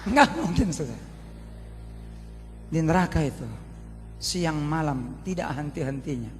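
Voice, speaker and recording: High-voiced, animated preacher in an echoing hall. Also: male voice, measured pace, soft background music. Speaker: pastor. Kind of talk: sermon. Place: large church hall with congregation.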